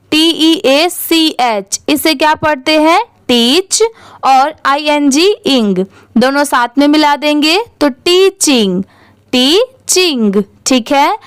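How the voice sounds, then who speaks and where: A woman's voice: sits high, a bit bright, no echo. A young Indian woman teaching English reading, spelling words letter by letter and questioning the viewer. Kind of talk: slow spelling-out lesson.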